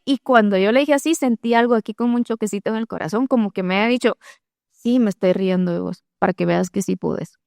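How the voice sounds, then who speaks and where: A woman, telling her testimony in an animated, conversational way and acting out her own thoughts. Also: a little high, dry recording, studio quality. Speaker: guest sharing testimony.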